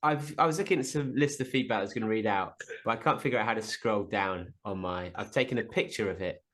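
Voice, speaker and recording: A man's voice: on the low side, fast, fairly bright tone. A man co-hosting a podcast, easygoing and a bit hesitant, with dry teasing humor. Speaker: podcast co-host. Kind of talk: casual chat.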